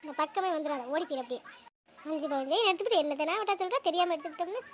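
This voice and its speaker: Give me a woman playing a scolding older mother-in-law in a cartoon, high voice and breakneck speed. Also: a little hiss or hum, natural voice. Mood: furious. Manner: scolding, rapid-fire nagging. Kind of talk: comedy cartoon voice acting.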